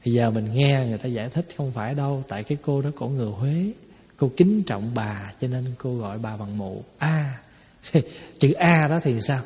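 A man's voice: medium pitch, animated, moderate pace, darkish tone. A man, a Buddhist monk giving a folksy dharma talk to a hall, explaining with rhetorical questions. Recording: echoey hall, dull lo-fi sound.

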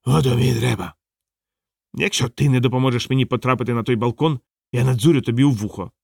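A scruffy little street dog grumbles and mutters in a sarcastic, self-pitying way, as a man puts him on for an audiobook. His voice sits at an ordinary middle pitch. The recording is dry and close. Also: fast, vocal fry, a little mellow, dry recording. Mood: smug.

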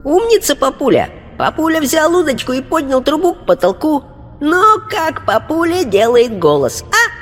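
A man voicing the spirit of a cheerful eight-year-old girl who chatters in thin, high baby talk. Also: very animated, normal speed, a bit bright, big-room sound, faint music behind, exaggerated voice. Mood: chatty. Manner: lisping baby talk, diminutives. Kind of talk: audiobook character voice.

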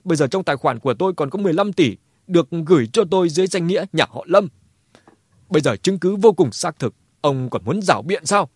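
A man doing a frantic young male hitman in a storybook reading, his voice pushed well above the narrator's own and loud, the words tumbling out fast. He sounds agitated and cornered. The recording is dry and close. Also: fairly high pitch, lively intonation, breathy edge, no echo, voice pushed up. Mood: frantic accusing. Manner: shouting accusations. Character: panicked young male hired killer, agitated.

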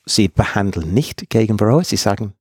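A man's voice: on the low side, lively intonation, normal speed, a little mellow, slightly rough, dry recording, studio quality. A man from England with an English accent, a native English speaker, speaking as a guest researcher in a casual interview and searching for words as he goes.

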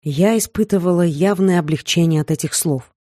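A woman narrating a first-person audiobook with an expressive, emotive reading. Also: fairly low pitch, normal speed, no room sound, studio quality.

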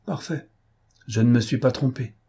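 A man voicing a cool, ironic gentleman thief who gives imperious orders in an audiobook. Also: mid-range voice, normal speed, breathy edge. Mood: mocking. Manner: imperious, calmly mocking orders. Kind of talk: audiobook character reading.

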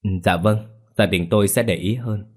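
A man's voice: fairly low pitch, moderate pace, close to an everyday voice. A man voicing a blunt elderly male family elder with a scolding way of talking. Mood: gruff.

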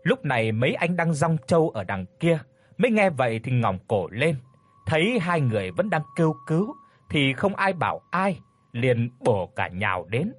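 Male horror narrator: husky, animated delivery, dry close sound. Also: medium pitch, moderate pace. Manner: expressive, dramatic storytelling. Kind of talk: scripted horror story narration.

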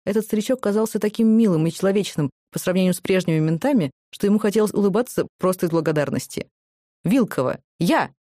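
A woman reading scripted audiobook narration in an even storytelling way. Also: mid-range voice, fast talker, few pauses, no echo, studio quality.

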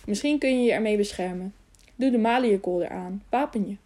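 A woman reading the part of a young noble girl who talks in a hushed, urgent way, in an audiobook. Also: medium pitch, fairly quick, lightly acted.

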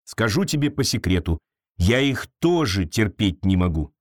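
A gentle, naive swamp creature with a deep voice, as a man reading a storybook puts it on. It speaks slowly and wonderingly, the low tones set well under the narration. The sound is close and dry. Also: big pitch swings, no echo. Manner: slow, wondering, low-pitched.

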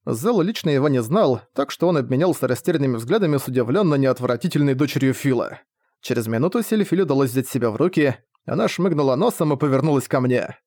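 A man's voice: medium pitch, animated, fast talker, darkish tone. Man reading wry fantasy narration. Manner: wry, sarcastic storytelling. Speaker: audiobook reader. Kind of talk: first-person fantasy novel narration.

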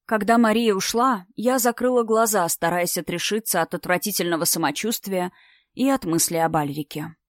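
A woman's voice: mid-range voice, normal speed, no echo, clean studio sound. Sex: woman. Role: first-person audiobook narrator.

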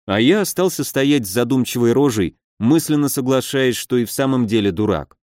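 A man's voice: medium pitch, lively intonation, a little fast, darkish tone, no room sound, studio quality. A man narrating a first-person audiobook in a wry, ironic manner.

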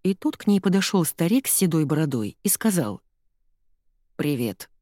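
A woman narrates an audiobook in an expressive, lively way. Her voice sits fairly low, and the recording is close and dry. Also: a little fast, dry recording. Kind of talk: scripted narration.

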